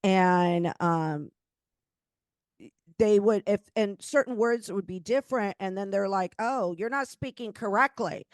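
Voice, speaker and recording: A woman's voice: mid-range voice, unhurried, dry recording, studio quality. A woman hosting a podcast, talking casually with many restarts and fillers. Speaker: podcast host. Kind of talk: casual chat.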